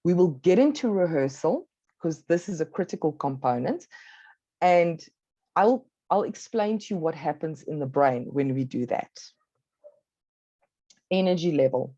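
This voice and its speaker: Presenting a workshop, a South African woman speaks in a low, mellow tone, animated yet measured and instructive, leaning on key words. The recording is dry and close, with a dull, lo-fi online-talk quality.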